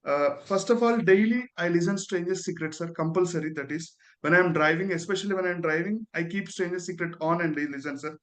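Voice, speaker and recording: A high-pitched male voice with an Indian accent gives an earnest testimonial. He is respectful and deferential, frequently tagging "sir" onto the ends of his phrases. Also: fairly quick, few pauses, fairly bright tone. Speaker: dentist, guest giving a testimonial.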